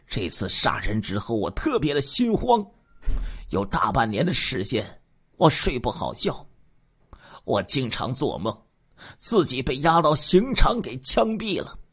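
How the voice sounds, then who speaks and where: A man telling a true-crime case in the first person as the killer, dramatic and emotional, dropping to hushes and rising to loud bursts. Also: mid-range voice, vocal fry, breathy edge.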